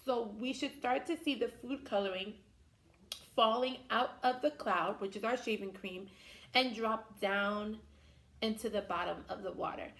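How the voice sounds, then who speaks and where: A children's teacher hosting a science activity walks young kids through it step by step, like a kids' show host. Her voice is on the high side and fairly bright, and she takes her time.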